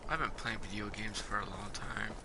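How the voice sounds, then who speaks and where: A man's voice: fairly low pitch, moderate pace, creaky, noisy background. A man giving casual, rambling commentary as he plays a video game. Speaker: let's play streamer.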